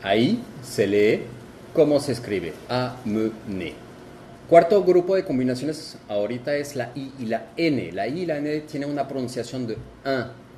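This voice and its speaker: A man giving a video lesson, explaining slowly and repeating and exaggerating each example word. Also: mid-range voice, animated, dark tone, slight background noise. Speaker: French teacher.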